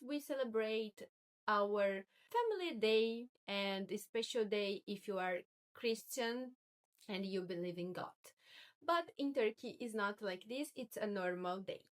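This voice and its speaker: A woman's voice: on the high side, clean tone. A woman in her twenties from Brazil, with a Brazilian Portuguese accent, chatting casually in a vlog and often stopping to search for words and correct herself. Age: 20s. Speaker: vlogger.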